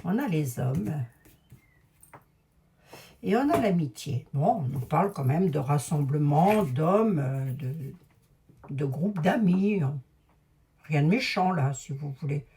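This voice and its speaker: A woman's voice: sits low, animated, slow, pauses often, mellow. Chatty woman with a Lorraine accent. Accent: Lorraine French. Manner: rambling, digressive, talks straight to the audience. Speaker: clairvoyant YouTuber. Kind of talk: casual chatty monologue to viewers. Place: at home, mid-way through painting a room.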